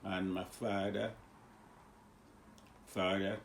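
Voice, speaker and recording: Gravelly old Jamaican-accented man. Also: low voice, flat delivery, slight background noise. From born in Cuba, raised in Jamaica. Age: 90s. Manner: halting, searches for words. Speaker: grandfather telling his life story. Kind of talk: casual interview.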